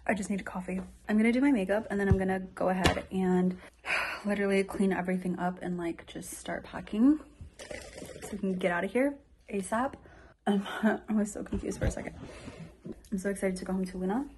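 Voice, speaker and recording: A woman's voice: mid-range voice, steady tone, fairly quick, noisy background. Tired young woman vlogging, roomy echo. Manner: chatty, rambling, heavy use of "like". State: tired from lack of sleep. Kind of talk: casual vlog chat to camera. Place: small hotel room, indoors.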